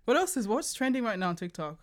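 Giggly young woman podcast host. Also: quick pace. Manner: giggly, chatty, animated pitch. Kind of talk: casual chat.

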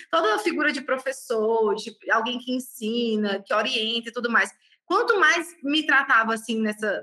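A woman, a tarot reader and mentor, talking in a casual, expressive and animated way, with emphatic exclamations. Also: fairly high pitch. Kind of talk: casual conversation.

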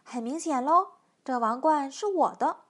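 A woman voicing a bossy lion, storybook, boastful, high, slow. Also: lively intonation, fairly bright tone. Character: proud bossy male lion.

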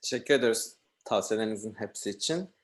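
A man's voice: on the low side, lively intonation, fast. A man moderating a question-and-answer session, politely thanking the guest and reading out a viewer's question with a few hesitations.

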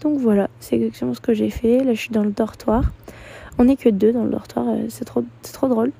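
Husky, gravelly young woman rambling. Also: on the high side, steady tone, brisk, dark tone. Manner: rambling, many fillers and restarts. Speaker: travel vlogger. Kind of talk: casual storytelling. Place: hostel dorm room.

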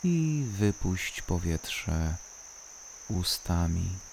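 A calm, soothing voice guiding a body-scan relaxation, unhurried and leaving long pauses between short instructions. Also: low voice, creaky, a little hiss or hum. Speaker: guided relaxation narrator. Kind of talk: slow guided body-scan meditation.

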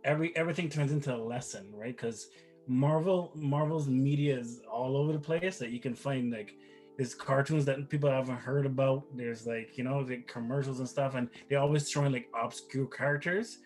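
A middle-aged Barbadian man, appearing as a guest father, chats casually in an interview, rambling with many restarts and repeated words. His voice is medium in pitch and a little mellow, at a moderate pace, over soft background music.

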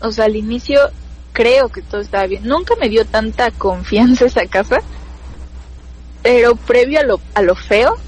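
A woman's voice: a little high, moderate pace, darkish tone, husky, rough recording. A woman chatting casually, recalling personal memories in a thoughtful way. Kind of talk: casual storytelling chat.

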